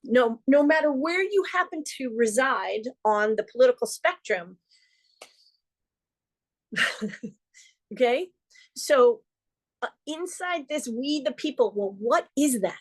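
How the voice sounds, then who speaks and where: Middle-aged woman doing a live astrology forecast, kinda high voice, earnest and chatty with playful bits. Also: expressive, slow pace, pauses often. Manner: earnest, conversational, with playful asides. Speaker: astrologer host.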